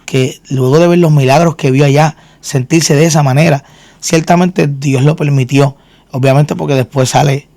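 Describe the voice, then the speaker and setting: A man's voice: on the high side, fairly even intonation, moderate pace, mellow, dry recording. A man, a minister, telling his own story in a faith interview, earnest and often repeating words as he restarts. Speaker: guest minister and singer.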